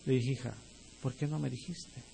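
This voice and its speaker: A man's voice: mid-range voice, fairly even intonation, normal speed, vocal fry, dark tone, a little hiss or hum. A young adult male pastor preaching a sermon, speaking directly to the congregation and rising into emphatic bursts.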